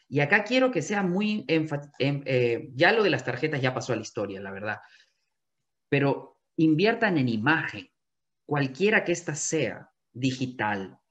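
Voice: medium pitch, muffled recording. A real estate sales coach giving an emphatic coaching talk to agents, often repeating key phrases.

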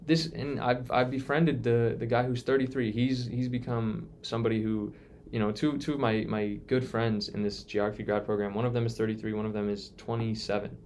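His voice is mid-range, level and somewhat dark in tone, and he speaks briskly with a little background noise. In his early twenties, he's chatting casually on a podcast, reflective and sincere, and keeps restarting what he's saying.

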